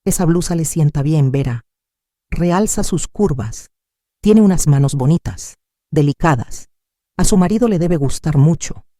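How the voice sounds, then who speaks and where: A woman's voice: low-pitched, expressive, unhurried, warm tone, dry recording, studio quality. A woman reading aloud the lines of a pushy, leering male employer in a storybook tale, in an insinuating manner. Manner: smug, insinuating, then cold and threatening.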